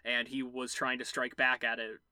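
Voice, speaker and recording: A man's voice: mid-range voice, little pitch movement, moderate pace, pushed and bright, clear, resonant tone, no room sound. A man in his twenties co-hosting a podcast, talking in a loose, joking way with plenty of fillers. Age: 20s. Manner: laid-back, joking, loose phrasing with fillers. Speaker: podcast co-host. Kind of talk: casual chat.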